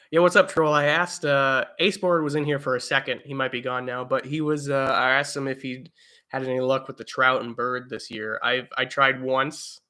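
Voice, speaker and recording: A man's voice: medium pitch, level tone, moderate pace, pushed and bright. A young man hosting a casual livestream, reading viewer comments and rambling with lots of fillers and restarts from home. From eastern United States. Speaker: livestream host. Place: home, indoors.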